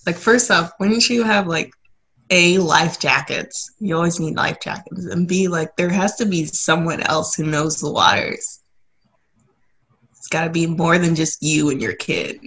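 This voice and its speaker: A woman's voice: fairly low pitch, fairly bright tone, husky, poor audio. A woman in her twenties co-hosting a casual podcast, reasoning through her points one by one. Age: 20s. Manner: slow and reasoning, lays out points. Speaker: podcast co-host.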